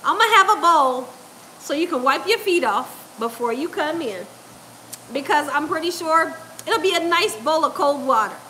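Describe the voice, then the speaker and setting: A middle-aged woman, hosting a casual livestream from her home kitchen and reading out chat, laughing often and chatting in an animated way. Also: high-pitched, moderate pace, a little hiss or hum. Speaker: cooking channel host reading live chat. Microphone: lapel mic.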